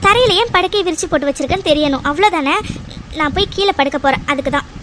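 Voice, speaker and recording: A woman's voice: high-pitched, fast talker, heavy background noise, lightly acted. A woman voicing an angry young bride, giving curt, cold replies in a cartoon.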